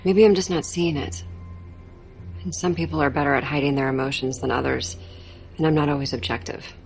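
An actress playing a determined, stubborn young former prosecutor in a naturalistic, earnest and conversational way. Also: female voice, low-pitched, fairly even intonation, brisk, creaky, a little mellow, faint music behind. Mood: troubled, reflective. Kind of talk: naturalistic TV drama acting.

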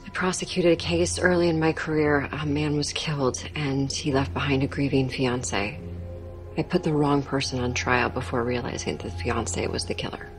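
A stubborn, determined young woman, a former prosecutor in a TV drama. Her voice sits low, and she talks earnestly and conversationally, with faint music behind. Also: steady tone, normal speed. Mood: troubled, reflective. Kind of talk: naturalistic TV drama acting.

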